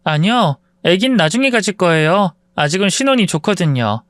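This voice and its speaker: A man's voice: high voice, big pitch swings, moderate pace, fairly bright tone, no echo. Smug young daughter-in-law, voiced by a man. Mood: dismissive. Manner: breezy, dismissive.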